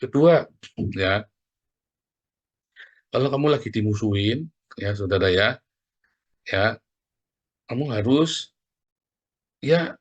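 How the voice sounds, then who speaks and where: Animated man preaching casually. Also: slow pace, long pauses, lo-fi sound. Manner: animated, conversational, with jumps in pitch and frequent asides to the congregation. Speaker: pastor. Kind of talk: casual sermon.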